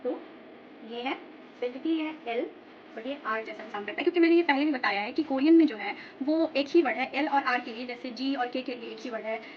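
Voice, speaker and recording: High-voiced chatty woman tutor. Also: brisk, lo-fi sound, slight background noise. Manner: chatty, explains patiently, mixes English words into Hindi. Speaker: language tutor. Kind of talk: casual spoken lesson.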